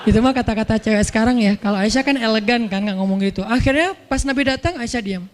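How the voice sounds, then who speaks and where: A male preacher giving a casual, storytelling sermon, colloquial and lively, acting out the people in his story. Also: high voice, quick pace, noisy background. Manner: colloquial, lively, acts out characters' voices. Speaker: Islamic preacher. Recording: long hall reverb.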